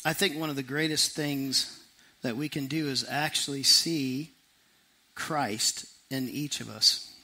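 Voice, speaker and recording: A middle-aged man, preaching a sermon to a congregation in a lively, conversational way with quick asides and sudden slow emphasis. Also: mid-range voice.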